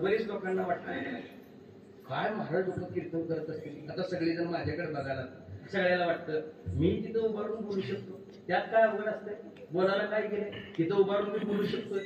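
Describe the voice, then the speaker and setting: A man with a rural Marathi accent delivers a kirtan sermon in a high, carrying voice, mixing joking anecdotes with sudden loud cries. He is heard from a distance in a big reverberant hall, with a dull, noisy sound and crowd ambience behind him. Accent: Marathi rural Maharashtra. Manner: humorous storytelling with sudden loud exclamations. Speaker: kirtan preacher. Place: large pavilion at a kirtan gathering. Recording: far-off echoey hall mic, slightly dull, noisy.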